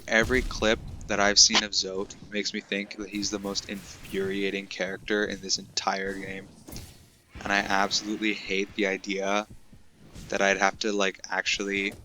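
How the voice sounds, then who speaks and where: A young man commentating on his own gameplay for viewers in a loose, chatty way. His voice sits on the low side yet sounds bright and forceful. He gets excited easily and keeps turning to talk to his audience. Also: slight background noise. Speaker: gaming commentator. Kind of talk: casual let's-play commentary.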